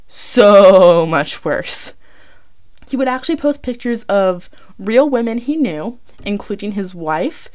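Young woman talking from inside her closet, chatty rambly true crime vlog, keeps correcting herself. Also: medium pitch. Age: young adult. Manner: rambling, chatty, frequent fillers and self-corrections. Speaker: college student vlogger. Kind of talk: casual true crime storytelling. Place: small clothes closet, recording indoors.

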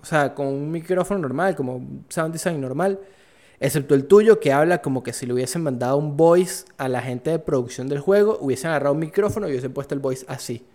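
A man's voice: on the high side, a little fast. Slangy man chatting games. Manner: slangy, animated storytelling. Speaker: podcast co-host. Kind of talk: casual gaming chat.

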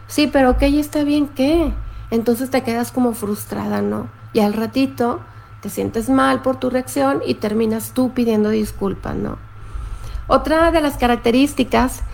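A middle-aged woman, hosting a live stream as a therapist and explaining things calmly while she greets viewers and reads their comments. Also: a little high, gravelly.

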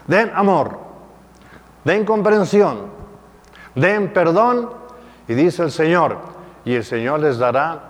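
A man's voice: on the high side, big-room sound. A man preaching a sermon as a priest, emphatic, with repeated rhetorical questions.

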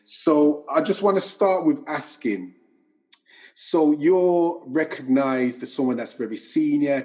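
A man's voice: medium pitch, a little mellow. A man hosting an interview podcast, asking friendly, rambling questions. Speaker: podcast host.

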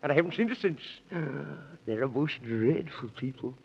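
An actor playing a fussy, befuddled, excitable moon man who repeats himself, in a 1930s children's radio serial. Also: on the high side, moderate pace, creaky, breathy edge, full character voice. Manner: dithering, repeats himself, pedantic nonsense logic. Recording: dull vintage 1930s radio recording.

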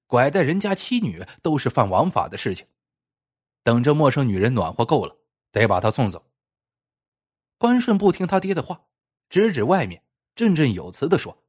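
A man narrating a scripted story, telling it in a lively way with a slightly husky voice. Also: a little high. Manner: lively storytelling, plainly voicing characters' speech.

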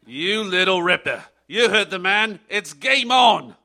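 An actor playing a jovial ex-pilot who runs an animal sanctuary, in a chirpy, slangy, easygoing manner, in a live audio drama. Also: male voice, sits high, very animated, moderate pace, pushed and bright, faint music behind, exaggerated voice. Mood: cheery.

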